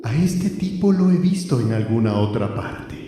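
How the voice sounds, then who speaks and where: A man voicing an arrogant, cold alien tyrant from a cartoon, with a haughty, menacing, measured delivery. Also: medium pitch, sing-song, background noise, lightly acted. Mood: disdainful. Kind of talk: cartoon villain dub parody.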